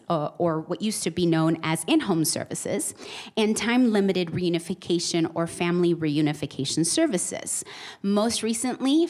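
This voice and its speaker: A woman giving a semi-formal staff presentation in an earnest, emphatic way, slightly muffled by a face mask. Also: mid-range voice. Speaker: program supervisor presenting.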